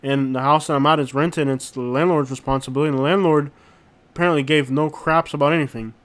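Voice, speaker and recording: A man hosting a casual live stream, talking in an informal, slangy and halting way and often repeating himself. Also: fairly high pitch, fairly even intonation. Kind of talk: casual live stream chat, reacting to viewers. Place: inside a rented house.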